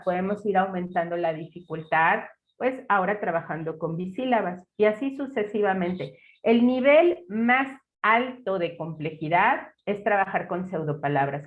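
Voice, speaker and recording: A woman with a Mexican Spanish accent lectures methodically, walking through examples one at a time. Her voice sits at an ordinary middle pitch. The sound is dull and lo-fi, like a recorded online lecture. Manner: methodical, explains step by step with example words. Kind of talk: academic talk with slides.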